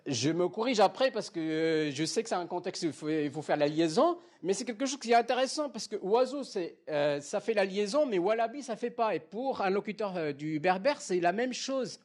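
Guy lecturing a class, voice jumps up and down a lot, kinda high for a man. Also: animated, fairly quick, few pauses. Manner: checks in often with the class, demonstrates sounds aloud.

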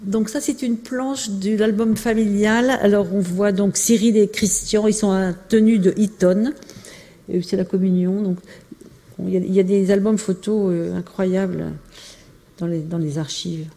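A woman's voice: medium pitch, fairly even intonation, normal speed, dark tone. Hesitant woman lecturing in a reverberant hall. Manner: hesitant, many fillers and restarts. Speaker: lecturer presenting family archives. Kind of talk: informal illustrated talk.

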